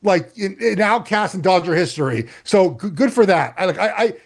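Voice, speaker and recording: A man from Los Angeles, a retired football lineman guesting on a sports podcast, who argues his points emphatically with quick stumbling restarts. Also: high voice, animated, creaky. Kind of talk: casual sports chat.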